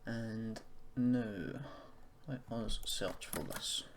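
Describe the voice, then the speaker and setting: A man hosts a casual software tutorial, speaking very slowly in a lowish voice as he rambles, thinks aloud, and makes self-deprecating asides. The recording is clearly noisy, with background noise, typing, and keyboard and mouse clicks.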